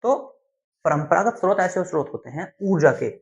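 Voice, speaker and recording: A young man, teaching a class lesson slowly and deliberately, often checking in with his students. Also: high voice, expressive. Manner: slow, deliberate explaining with frequent "theek hai" check-ins. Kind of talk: classroom lecture. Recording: dull lo-fi sound.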